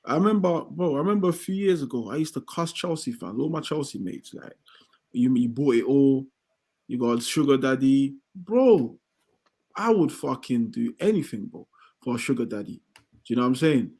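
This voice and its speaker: Ranting husky high-voiced man. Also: big pitch swings, fairly quick, a little mellow. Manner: swears a lot, rants with rising outbursts. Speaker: football fan pundit. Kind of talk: heated casual chat.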